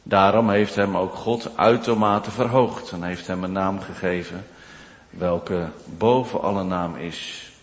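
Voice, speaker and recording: A male preacher delivers a sermon at a very slow, weighty pace, his voice swelling from hushed low phrases to loud declaiming. His words ring out in a church with a long, trailing reverb. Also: steady tone.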